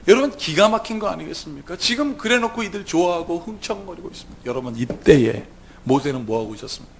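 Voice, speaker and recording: A man's voice: a little high, expressive, fast talker, creaky, slight background noise. A man preaching a sermon as a pastor, telling the story vividly and putting rhetorical questions to the congregation.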